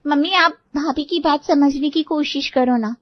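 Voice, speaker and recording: A woman voicing a high, bubbly young college girl. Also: moderate pace, dry recording, close to an everyday voice. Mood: pleading. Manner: high and pleading. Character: bubbly teenage college-going sister-in-law. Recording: dull lo-fi dry recording.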